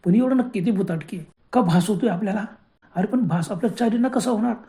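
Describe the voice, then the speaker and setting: A man voicing a frightened young man who urges his friends to stay quiet, in urgent warnings. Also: sits high, quick pace. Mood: tense.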